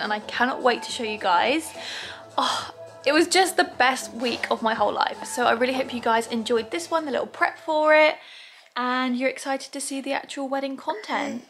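A woman's voice: on the high side, a bit bright. A young woman chatting casually through a vlog, upbeat and a little lispy from braces, recorded on a handheld camera. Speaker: vlogger.

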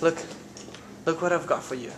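A man's voice: a little high, moderate pace, background noise. A young man with an Italian accent, chatting casually and joking through a tired travel vlog. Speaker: vlogger.

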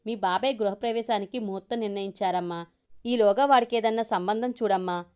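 A woman reading aloud voicing a warm elderly grandmother in an audio storybook, affectionate and homely. Her pitch sits in the ordinary middle range, and she talks with easy warmth rather than theatrical flair. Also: fairly quick, smooth, close to an everyday voice. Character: older grandmother, warm and eager.

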